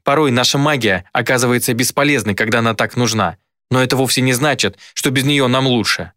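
A man's voice: mid-range voice, fairly bright tone, dry recording, clean studio sound, lightly acted. A man voicing a cruel, mocking female demon who taunts coldly. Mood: taunting. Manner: sneering, cold, unhurried taunts.

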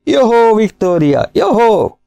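A man voicing a hearty, generous middle-aged host in an audiobook, booming and doting. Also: sing-song, creaky, a little mellow, faint music behind. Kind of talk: audiobook character voice.

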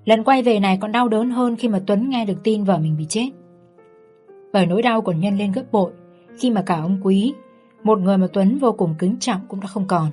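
A woman narrating a family drama story in a steady, heartfelt reading. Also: medium pitch, normal speed, breathy edge. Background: faint background music.

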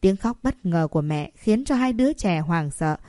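A woman reading a romance story aloud as a narrator, shifting her pitch slightly for the characters' lines. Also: lively intonation, normal speed, dark tone, dry recording, clean studio sound. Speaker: audiobook narrator.

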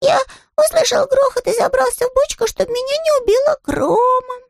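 Small polite cub voiced by a woman, very high and childlike, earnest, storybook audiobook, dry recording. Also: brisk, gravelly, dry recording. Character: small polite young male bear.

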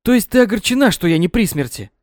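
Guy doing a shrill bossy mom, loud and theatrical, swings her voice all over, high and nagging. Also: expressive, quick pace, no echo, clean studio sound. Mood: shrill scolding. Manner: shrill, scolding, melodramatic. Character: loud domineering middle-aged mother, theatrical.

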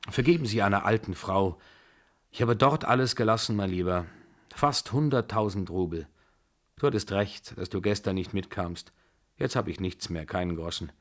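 A man voicing a weary, imperious old grandmother who speaks slowly and heavily. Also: fairly low pitch, natural voice. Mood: tired, imperious.

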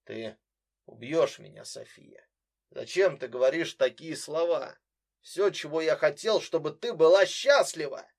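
A man's voice: a little high, measured pace, creaky. A man voicing an anguished brother who earnestly pleads with his sister in an audiobook. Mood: pleading.

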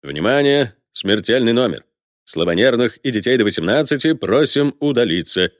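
A man's voice: mid-range voice, expressive, normal speed, dry recording, clean studio sound, lightly acted. A man reading a wisecracking young soldier clowning. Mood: mock-solemn. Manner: theatrical, mock-announcer delivery. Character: joking young male sniper, showman.

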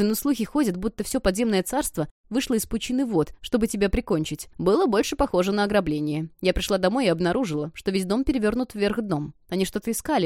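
A woman's voice: medium pitch, a little mellow, dry recording, studio quality, natural voice. Secretive old witch grandma, as a woman reads her.

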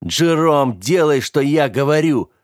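A man's voice: medium pitch, normal speed, a little mellow, no room sound, studio quality, natural voice. A man voicing a young man who urgently orders his friend to flee, commanding and pushing. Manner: urgent, commanding, forced cheer.

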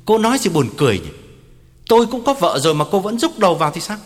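A man putting on a domineering middle-aged doctor in an audio story, barking and scornful, his voice pushed high and jumping around. A long reverb and plucked guitar sit behind. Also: very animated, quick pace. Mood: angry.

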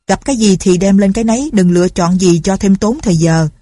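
A woman's voice: medium pitch, fairly quick, warm tone, no room sound, studio quality, close to an everyday voice. A woman voicing a ruthless, suspicious male bandit chief who talks in a harsh, threatening way. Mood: menacing.

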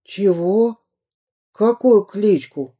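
A storyteller voicing a timid, frightened little boy in a storybook reading, pleading in a high, plaintive voice. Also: animated, extremely slow, mellow. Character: scared little boy sailor, timid and tearful.

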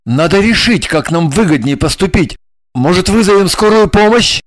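Man doing a blunt, coarse young man, high for a guy, swings up and down, dry close sound; audiobook role. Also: animated, normal speed, no room sound. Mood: angry, shouting. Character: tense young man arguing over a wounded rival. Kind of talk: audiobook character voice.

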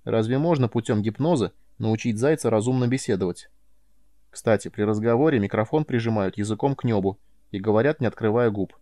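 A man reading an audiobook voices a calm, patient male alien mentor who speaks in a dry, measured way. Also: on the low side, no echo, close to an everyday voice.

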